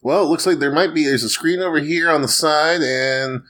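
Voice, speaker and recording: A man's voice: fairly high pitch, moderate pace, a bit bright. A middle-aged man playing a tabletop story game, chatting casually and joking with friends. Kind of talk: casual chat.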